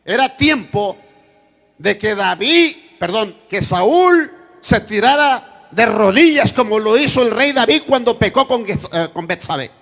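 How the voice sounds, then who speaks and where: A man preaching a sermon in church as pastor, swinging between loud shouted passages and quiet asides, acting out the voices he quotes. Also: high-pitched, animated, unhurried.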